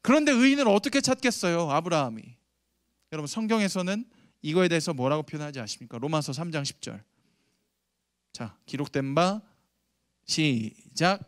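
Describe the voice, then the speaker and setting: A man in his thirties preaching a lively sermon to middle schoolers, telling a family story and asking the audience questions. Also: a little high, moderate pace, pauses often, no echo, clean studio sound. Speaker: youth pastor. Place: church sanctuary.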